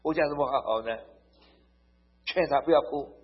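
A man preaching a sermon. He tells stories to make his points, turns emphatic and swells loud on key phrases, and often asks his listeners "好不好?". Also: medium pitch, normal speed, slightly rough. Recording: dull lo-fi recording.

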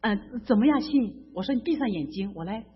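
Her husky voice is fairly high and expressive, and she speaks a little fast. This middle-aged mainland Chinese woman gives a fervent, emotional testimony of faith as a church member, frequently stammering and repeating, on a dull lo-fi recording.

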